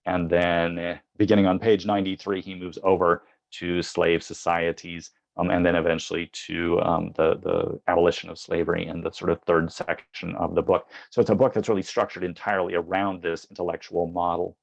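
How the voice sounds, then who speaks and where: A man lecturing on history, speaking in a measured way with frequent ums and uhs. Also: low-pitched, flat delivery, creaky. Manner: reads quoted passages from books aloud. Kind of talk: academic lecture.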